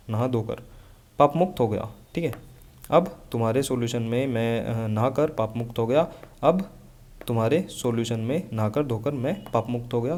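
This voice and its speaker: Young guy teaching vocab, warm low-key tone, reads english definitions slow. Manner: mixes Hindi with slow, carefully read English definitions. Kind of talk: online lesson with memory tricks.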